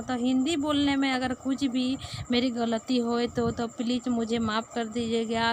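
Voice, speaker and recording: Higher-voiced woman with Sambalpuri Odia accent. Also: a little hiss or hum. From Sambalpur, Odisha. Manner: halting Hindi, searching for words. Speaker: vlogger. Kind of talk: casual vlog narration.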